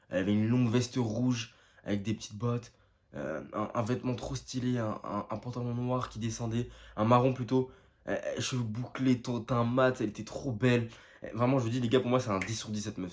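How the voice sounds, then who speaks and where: A young man telling a story to his viewers in a casual vlog, excited and full of slang, often calling out to "the guys". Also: mid-range voice. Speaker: vlogger.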